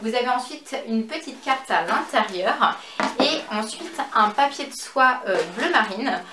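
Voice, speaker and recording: A French woman chatting through a fashion and beauty haul at home, with many fillers and a slow pace over each item. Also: on the high side, lively intonation. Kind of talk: casual haul vlog. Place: home office and makeup room. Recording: echoey room, faint background noise.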